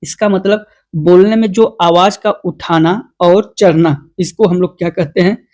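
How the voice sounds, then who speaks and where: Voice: mid-range voice, fairly even intonation, a little mellow. Give me a teacher running an online exam-prep lesson, who asks the class questions and answers them. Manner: reads out quiz questions slowly, then explains.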